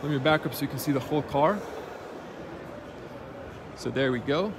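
A man reviewing a car as he walks around it, speaking in a middle-pitched voice and plainly pointing out features one by one. He is recorded on a handheld camera in an indoor show hall, with plenty of background noise from the show floor. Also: normal speed. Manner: plain, matter-of-fact pointing out of details. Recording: noisy auto show floor.

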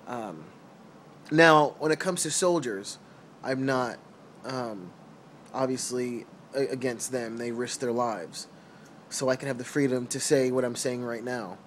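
A young man from New York City giving his earnest, halting opinions in a casual vlog, recorded on a phone held close while lying on a couch at home. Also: mid-range voice, a bit bright, slight background noise. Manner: earnest, hesitant with many ums and restarts. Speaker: vlogger. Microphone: phone camera held close.

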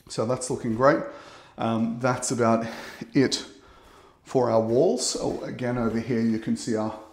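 A man, explaining waterproofing work in a relaxed way as he walks through a bathroom under renovation, filming on a phone. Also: mid-range voice. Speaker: waterproofing expert. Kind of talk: on-site walkthrough explanation. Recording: echoey small tiled room.

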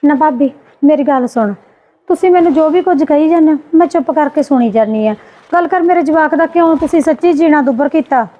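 A woman scolding her sister-in-law in a Punjabi family drama skit, indignant and quick. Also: high voice, warm tone, highs cut off.

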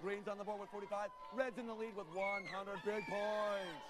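A man's voice: high-pitched, fairly even intonation, normal speed. A man, hosting a game show in a showy, exclamatory way. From Montreal, Canada. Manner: showy, exclamatory, often shouting. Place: TV studio with audience. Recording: loud music and crowd behind.

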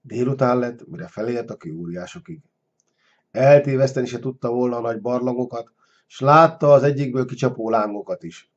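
A man's voice: mid-range voice, highs cut off. Man reading a storybook aloud. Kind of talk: storybook narration.

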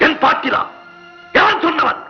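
An actor playing a haughty god disguised as a poet, speaking in a lofty, commanding, formal way in a 1960s film drama. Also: male voice, very high voice, lively intonation, moderate pace, over music. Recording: muffled 1960s film soundtrack.

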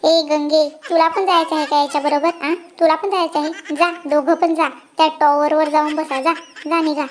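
A performer voicing an angry cartoon cat husband who scolds fast, through a high pitch-shifted effect. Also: fairly even intonation. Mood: scolding. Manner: shouting, rapid scolding. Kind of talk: comic cartoon dialogue.

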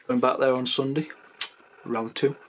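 A young man from England, speaking, rambles casually into his camera at home. He tells stories in a loose, chatty way with a mid-pitched voice. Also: steady tone, measured pace, slight background noise. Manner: chatty, rambling, acts out drunk anecdotes in raised voices. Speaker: vlogger. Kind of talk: casual vlog rant. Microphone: camera mic.

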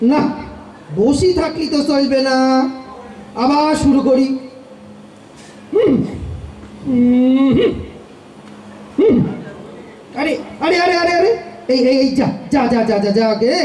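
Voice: high voice, measured pace, pauses often, a little mellow. A performer voicing a fretful, henpecked poor woodcutter in a radio play, talking in a rustic way and lamenting often. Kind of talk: amateur radio play acting. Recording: echoey room with faint noise.

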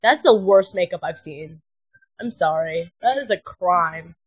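A woman's voice: lowish voice, animated, unhurried, husky. A young woman at a sleepover, chatting casually while watching a movie, laughing often and swearing freely. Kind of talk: casual chat. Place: home at a sleepover.

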